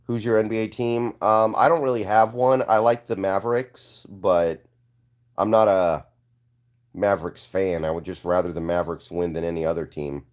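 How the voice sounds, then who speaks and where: Running a laid-back live stream, a young man replies to viewer comments in an offhand way, his voice congested and hoarse, with frequent throat clearing. He's low-pitched with a steady, slightly mellow tone at normal speed.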